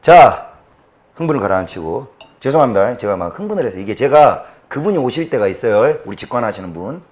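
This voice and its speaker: A man's voice: sing-song, a little fast. Fiery Jeolla-accented man ranting. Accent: Jeolla Korean. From Jeolla, South Korea. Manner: fiery, profane, swings from shouting to low muttering. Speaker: political commentary host. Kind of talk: political rant to an audience.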